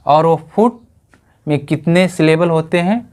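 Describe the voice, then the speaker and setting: A woman's voice: deep voice, measured pace, a little mellow. A woman teaching as a lecturer for exam preparation, who asks her own questions and answers them, with many English terms mixed in. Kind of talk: exam-prep lecture on poetic meter.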